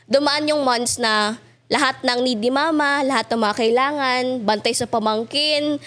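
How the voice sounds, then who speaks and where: A young woman speaking as a guest in a casual interview, laughing often and mimicking others in a higher voice. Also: a little slow, a bit bright. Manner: laughs often, mimics her parents in a high voice.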